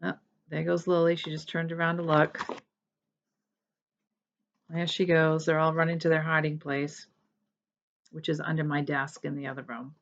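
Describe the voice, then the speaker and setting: A woman's voice: sits low, little pitch movement, moderate pace, long pauses, muffled recording. A woman chatting casually as a cross-stitch vlogger, rambling a little and correcting herself as she goes. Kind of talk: casual show-and-tell chat.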